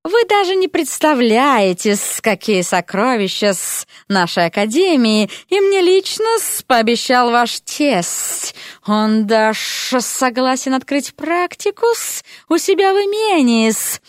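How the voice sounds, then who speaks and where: A woman voicing a sly, domineering snake matriarch who drawls slowly and hisses on her words. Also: sits high, sing-song, no echo, clean studio sound. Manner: slow drawl, adds hissing "-s" to words. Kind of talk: audiobook character voice.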